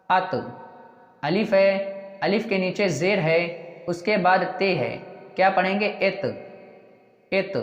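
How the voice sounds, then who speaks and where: A teacher giving a slow reading lesson who asks what a letter combination says, then answers and repeats the answer. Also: mid-range voice. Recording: dull echoey recording with long reverb.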